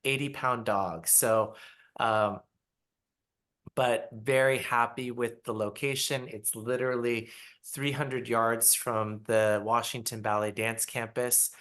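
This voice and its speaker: Man from Taiwan, unhurried, mid-pitched, thoughtful guest on a video call. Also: fairly even intonation, fairly bright tone. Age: middle-aged. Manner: unhurried, reflective, with frequent pauses and fillers. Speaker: interview guest, ballet artistic director. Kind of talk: conversational interview on a video call. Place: small apartment.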